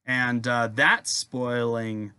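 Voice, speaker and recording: A man's voice: medium pitch, fairly even intonation, drawn-out words, sharp tone, clear, resonant tone. A young adult man rambling casually in a video rant, laid-back and swearing freely, with lots of fillers. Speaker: wargaming video maker.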